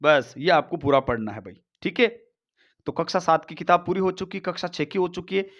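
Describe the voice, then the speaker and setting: A man teaching an exam-prep lesson, talking fast and repeating himself, often calling viewers brother. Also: a little high, animated, a bit bright, lo-fi sound. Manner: rapid, repetitive, addresses viewers as brother.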